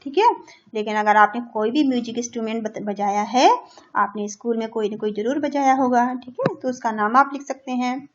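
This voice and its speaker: A woman teaching a primary school English lesson. She reads the English lines slowly and loudly, explains each word in Hindi and checks in with "theek hai". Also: on the high side, slight background noise. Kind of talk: classroom lesson for young children. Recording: dull lo-fi recording.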